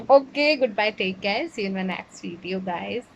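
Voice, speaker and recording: Slow-talking young woman vlogger, lo-fi. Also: medium pitch, lively intonation, gravelly, a little hiss or hum. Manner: rambling, mixes Hindi and English, frequent self-corrections. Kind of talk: casual vlog monologue.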